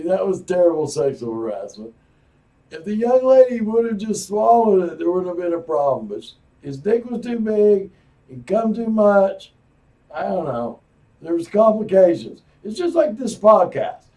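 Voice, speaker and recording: Man, podcast host, tipsy, profane rambling, high voice, slow drawl. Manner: profane, meandering, loud outbursts. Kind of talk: rambling solo podcast talk. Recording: voice a bit far from the mic.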